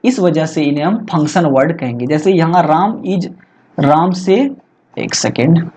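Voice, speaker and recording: A man tutoring students in a lesson, chatty and asking rhetorical questions, slowing down to dictate English phrases. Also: fairly high pitch, expressive, a little mellow, a little hiss or hum. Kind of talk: Hindi-English exam lesson. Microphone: laptop recording.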